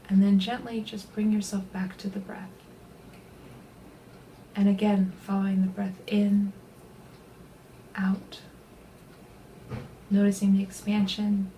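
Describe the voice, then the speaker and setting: A woman guides a body scan meditation at a medium pitch, speaking gently, slowly, and soothingly, her phrases trailing off soft and breathy. The audio is poor, with slight background noise.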